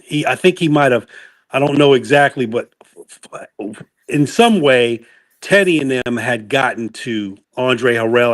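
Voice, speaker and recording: A man's voice: medium pitch, a bit bright. A man on a podcast, telling music-industry stories in a loose, rambling way and correcting himself as he goes. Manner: rambling anecdotes with self-corrections. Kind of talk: casual storytelling chat.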